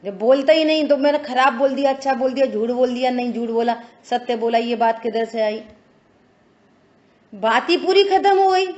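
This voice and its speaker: A woman's voice: high-pitched, darkish tone. A woman giving a religious discourse who explains patiently, repeats her phrases, and asks whether listeners follow. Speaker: spiritual teacher. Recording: echoey dull lo-fi room.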